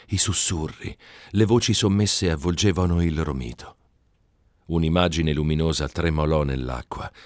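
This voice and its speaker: A man narrating a literary tale in a slow, measured reading. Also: rumbling low, no room sound, studio quality. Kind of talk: scripted narration.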